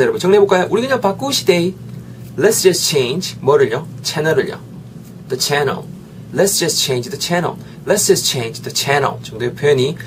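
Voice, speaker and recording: Male English teacher, animated and coaxing, faint hum in the background. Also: medium pitch. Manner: lively, coaxing, drills phrases repeatedly. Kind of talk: video language lesson.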